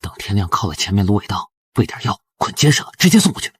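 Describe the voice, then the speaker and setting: A hushed, husky voice of a trafficker plotting in a costume drama. He talks fast and low, keeping his voice down so no one wakes. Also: sing-song, dry recording, full character voice. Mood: conspiratorial. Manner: hushed, conspiratorial. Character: hushed, scheming trafficker accomplice.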